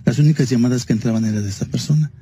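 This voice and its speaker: A man's voice: mid-range voice, racing, warm tone, a little hiss or hum. A man telling a spooky story in a casual, hesitant way, full of fillers. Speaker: guest telling a ghost story.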